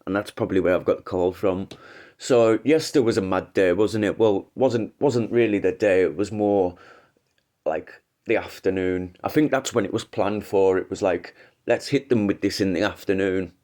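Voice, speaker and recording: A congested man with a head cold hosts a casual livestream in a low, slightly mellow voice at normal speed. He rambles through his opinions, often restarting his sentences.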